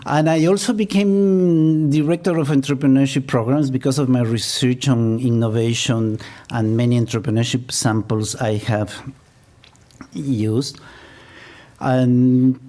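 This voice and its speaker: A mellow mid-range voice, a little slow and fairly even in intonation, belongs to a middle-aged Ecuadorian business professor giving a public lecture. Spanish is his native tongue and he speaks with an Ecuadorian accent. His humor is self-deprecating, and he chuckles at his own jokes.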